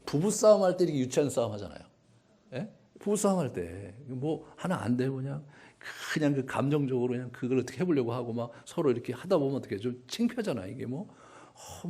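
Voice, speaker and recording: Lively, joking male pastor preaching. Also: fairly high pitch, breathy edge. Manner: humorous, conversational, acts out voices. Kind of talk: sermon.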